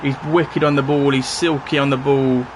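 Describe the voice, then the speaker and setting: A man's voice: mid-range voice, normal speed. Male streamer, casual live play-by-play with a faint hum behind. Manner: casual running commentary, bursts of excitement at goals. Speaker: streamer playing a football game. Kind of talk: live gameplay commentary.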